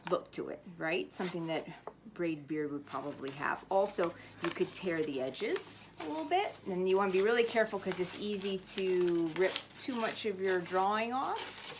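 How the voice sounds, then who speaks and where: A woman with a lowish voice, recorded amid heavy background noise, reads a storybook and shows how to do a craft. She narrates and explains step by step, just like a teacher at story time.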